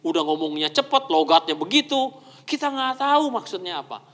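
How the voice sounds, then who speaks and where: A man preaches to his congregation in a fairly high voice, asking them questions as he goes. He drops English phrases into his sermon. The church hall adds a long, lingering reverb. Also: fairly quick. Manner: mixes Indonesian with English phrases; animated, asks the congregation questions. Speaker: pastor.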